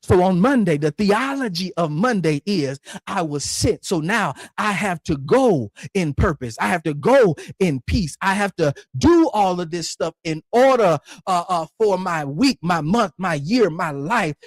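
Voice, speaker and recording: A man with a high voice preaches in a cadence, stacking phrases and restarting lines as he drives each point home. The sound is close and dry, with no room around it. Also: lively intonation, measured pace, few pauses, dry recording. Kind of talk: online sermon.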